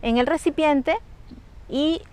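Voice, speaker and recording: A woman with a Peruvian Spanish accent calmly recounting a childhood paranormal memory, explaining steps with small slips. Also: high-pitched, takes it slowly. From Peru. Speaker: storyteller sharing a personal experience. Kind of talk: casual spoken anecdote.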